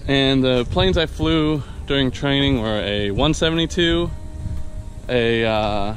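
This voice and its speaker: A young man, a vlogger and newly licensed private pilot, records a casual review while walking a wooded dirt path, holding an action camera at arm's length. His mid-range voice moves slowly and enthusiastically, rambling with fillers and restarts, with a little hiss or hum in the background.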